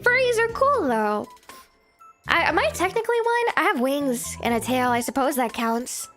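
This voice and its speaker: High-pitched woman, cute giggly anime-streamer chatter. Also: lively intonation, moderate pace, a bit bright, soft background music. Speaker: livestream host. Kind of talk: casual chatty livestream talk to viewers.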